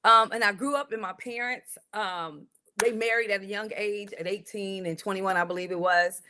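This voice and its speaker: Bright-voiced woman. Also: mid-range voice, fairly even intonation, moderate pace, a little hiss or hum. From San Antonio, Texas. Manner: earnest, talks in repeated restarts. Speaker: guest, real estate broker. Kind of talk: interview, personal story.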